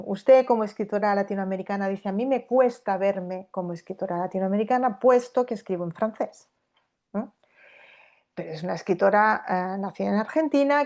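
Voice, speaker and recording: A woman's voice: mid-range voice, gravelly, dark tone. A woman scholar giving an academic lecture, thinking aloud with fillers and restarts and often checking in with the audience. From Spain. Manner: thoughtful, with many fillers and restarts, asking "¿no?". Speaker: literature scholar giving a talk.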